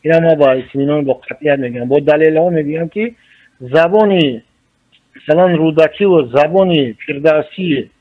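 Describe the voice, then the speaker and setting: A man with a Tajik accent, a journalist answering in a radio interview, speaking slowly and deliberately as he explains. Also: a little high. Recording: muffled radio recording.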